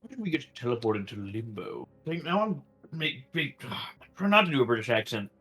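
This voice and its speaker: Husky-voiced male player. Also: mid-range voice, sing-song, normal speed, fairly bright tone, faint music behind. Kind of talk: casual game chat.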